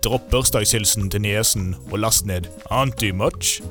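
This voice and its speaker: A man reading a spoof commercial in a quick, salesy announcer style over background music. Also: on the low side, fairly bright tone, close to an everyday voice.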